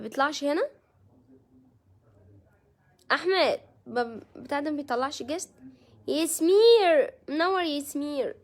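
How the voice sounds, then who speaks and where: Egyptian girl doing a live stream, high voice, chatty, laughs a lot, greets ppl by name. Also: gravelly. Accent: Egyptian Arabic. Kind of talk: casual live-stream chat with viewers.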